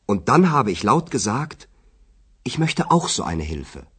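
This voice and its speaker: A dreamy young man telling his story for a radio drama. His delivery is animated, with a lowish, slightly husky voice. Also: unhurried, exaggerated voice. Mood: dreamy, recounting. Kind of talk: language-course radio drama.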